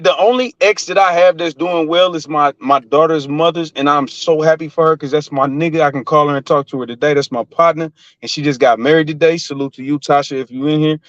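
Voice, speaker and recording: A man's voice: a little high, fairly even intonation, a little fast, few pauses, no room sound. A man arguing bluntly and profanely in a heated casual debate on a live call-in stream. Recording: dry, dull lo-fi call audio.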